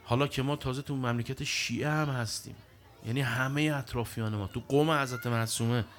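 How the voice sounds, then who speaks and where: A middle-aged man with a medium-pitched voice gives a lively, forceful sermon, quoting scripture passages and then explaining them in his own words.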